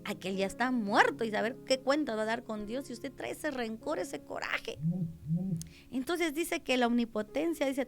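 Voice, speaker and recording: A Mexican woman pastor preaching a radio sermon with a Mexican Spanish accent, emphatic, dropping to hushed tones and rising to loud cries. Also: sits high.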